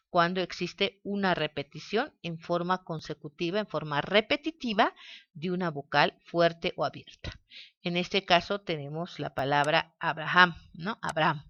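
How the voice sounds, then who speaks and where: A woman teaches a grammar lesson at a very unhurried pace, drawing out each syllable. Her voice sits a little low but sounds bright and clear. The recording is dry with a dull, lo-fi quality. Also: dry recording. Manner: slow, deliberate, spells out syllables.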